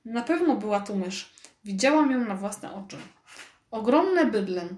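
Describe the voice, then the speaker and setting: A woman voicing a strict, prim schoolteacher who scolds firmly and turns shrill, recorded with a roomy echo. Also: animated, a little slow, darkish tone. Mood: flustered. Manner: firm, scolding, then shrill.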